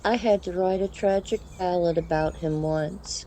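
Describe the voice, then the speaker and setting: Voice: mid-range voice, fairly even intonation, normal speed, warm tone, slight background noise, pitched above the performer's own voice, natural voice, poor audio. The narrator voicing a gloomy gothic female cat poet, sighing and melodramatic.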